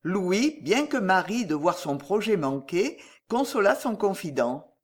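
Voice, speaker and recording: Expressive audiobook narrator. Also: medium pitch, measured pace. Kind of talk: scripted narration of a historical tale.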